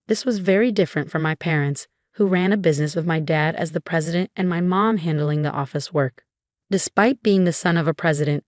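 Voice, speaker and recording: Woman, scripted story narration, steady even delivery, lowish voice, dry close sound. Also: dry recording.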